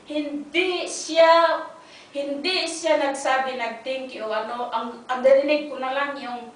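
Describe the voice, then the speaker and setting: A woman from the Philippines giving an inspirational church talk, telling her story with lively acted-out dialogue and bits of English. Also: high-pitched, takes it slowly. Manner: animated storytelling, acts out dialogue, mixes in English. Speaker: guest speaker giving a testimony. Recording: echoey hall, distant mic, faint noise.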